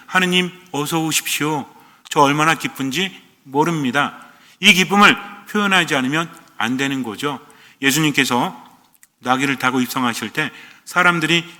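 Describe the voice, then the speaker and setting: Priest guy preaching, keeps asking the crowd stuff then answering it, bright voice, kinda high, big church echo. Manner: asks the congregation questions and answers them himself. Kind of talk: sermon. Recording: long church reverb.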